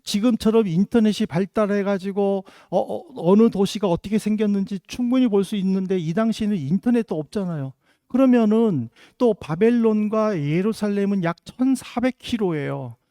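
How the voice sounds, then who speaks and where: A man's voice: sits high, normal speed, dark tone, no echo, clean studio sound. A middle-aged man from South Korea, a pastor giving a sermon with earnest storytelling and rhetorical questions. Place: church in Germany.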